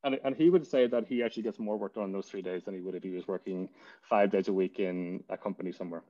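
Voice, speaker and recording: A man's voice: sits low, fast talker, dark tone, no room sound, dull audio. A man with a Donegal, west of Ireland accent talking casually as an interview guest, rambling as he thinks aloud. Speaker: interview guest, tech business founder. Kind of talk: casual interview talk about work and life.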